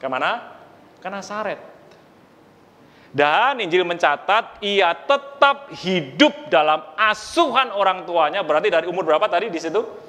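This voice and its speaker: A man's voice: high-pitched, expressive, measured pace, pushed and bright. A man with a Surabaya Javanese-inflected accent preaching a sermon, telling a story with acted-out dialogue and questions to the congregation. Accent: Surabaya Javanese-inflected Indonesian. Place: large church hall. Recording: long reverb of a large hall.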